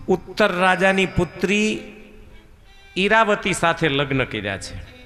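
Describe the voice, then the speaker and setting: Male preacher, devotional storytelling, high bright voice, slow sing-song delivery, long hall echo, faint music. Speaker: katha preacher.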